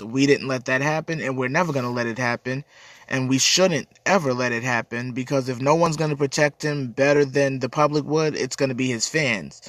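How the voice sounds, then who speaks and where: Under the weather with a cold, a man hosts a casual livestream in a stuffy, congested voice of ordinary middle pitch. He reads viewer comments and answers them earnestly, rambling and repeating words. The audio is close and dry, without room echo.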